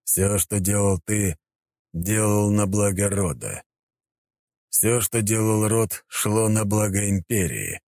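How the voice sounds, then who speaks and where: A man voicing a calm, cold male emperor who speaks in a slow, measured way. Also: lowish voice, no echo, clean studio sound, voice pushed up.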